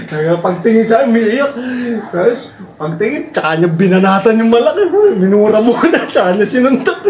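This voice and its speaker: A man's voice: sits high, expressive, brisk, roomy sound, a crowd in the background. A man telling childhood stories in casual family chat, laughing often as he talks. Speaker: storyteller. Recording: noisy room background.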